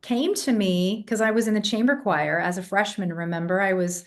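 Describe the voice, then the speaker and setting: Her voice sits at medium pitch and normal speed, though congestion makes it less clear than usual. Raised in England, this vocal coach is an animated storyteller in a casual interview. She demonstrates vocal sounds as she goes.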